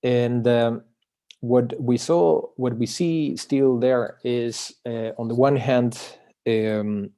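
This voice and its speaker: A man from Chile, presenting his book over a video call in an academic talk, pausing often with filler sounds and restarting phrases. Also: medium pitch, fairly even intonation, dark tone.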